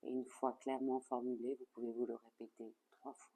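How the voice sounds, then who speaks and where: A husky, medium-pitched voice belongs to a yoga nidra instructor guiding listeners into relaxation. She or he speaks in a measured, calm, soothing way, softening the end of each phrase.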